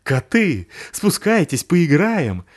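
A man reads as a boisterous male malamute in a children's storybook, his voice pitched high and loud, shouting and barking. He bounces with carefree excitement and never sits still. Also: takes it slowly, exaggerated voice. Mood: excited.

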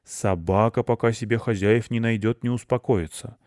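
A man's voice: on the low side, fairly even intonation, moderate pace, a little mellow, no room sound, clean studio sound, close to an everyday voice. A man voicing a self-important male hedgehog who lectures in a storybook. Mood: lecturing. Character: pompous know-it-all male hedgehog.

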